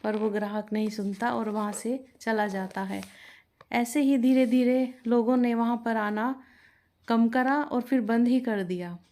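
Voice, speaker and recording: A woman's voice: fairly high pitch, steady tone, unhurried, dark tone. A woman reading a moral storybook tale aloud as narrator, voicing each character in the dialogue herself.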